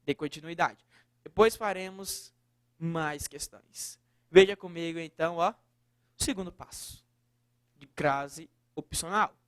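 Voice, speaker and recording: Man, high voice, grammar teacher, quizzes the class, dry close sound. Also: slow, dry recording. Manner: lively, asks and answers his own questions; keeps addressing the viewer directly. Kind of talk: exam-prep grammar lesson.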